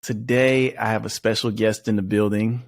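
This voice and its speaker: Podcast host, a man, casual and easygoing, lowish voice, dry close mic. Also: flat delivery, normal speed, creaky, no room sound. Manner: laid-back, many fillers like "you know". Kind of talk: casual interview chat.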